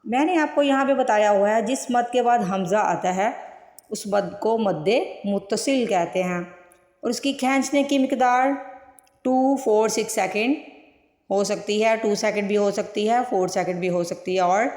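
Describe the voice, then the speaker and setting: A woman teaching Quran recitation word by word. She draws each word out slowly and then explains it in plain speech. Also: mid-range voice, darkish tone. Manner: slow drawn-out recitation between plain explanations. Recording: echoey room with long reverb.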